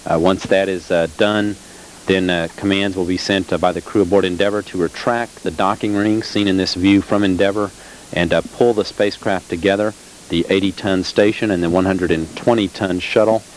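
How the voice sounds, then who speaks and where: A man giving live mission commentary in a measured, halting way, with very frequent uhs. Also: deep voice, steady tone, low-quality recording. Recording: faint hiss on broadcast feed.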